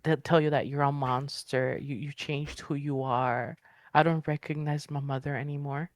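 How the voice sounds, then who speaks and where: Animated, blunt woman telling her story. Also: deep voice, normal speed, no echo. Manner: animated storyteller who acts out quoted speech; blunt and candid, with frequent filler words. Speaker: interview guest. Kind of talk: casual podcast conversation.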